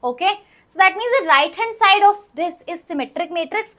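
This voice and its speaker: A woman's voice: very high-pitched, expressive, fairly quick, bright, forceful tone. A woman with a North Indian accent teaching maths live, emphatic, repeating phrases and checking understanding with questions. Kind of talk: live online exam-prep lesson, working through problems aloud.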